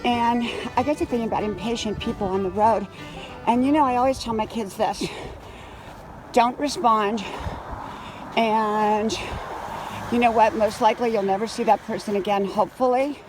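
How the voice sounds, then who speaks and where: A woman in her sixties vlogging casually while out on a run, chatty and reflective, offering gentle homespun advice outdoors. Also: on the high side, normal speed, long pauses, music in the background, poor audio. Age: 60s. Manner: chatty, reflective, talking while running at an easy pace. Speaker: vlogger with a wisdom channel. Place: outdoors on a trail and roadside.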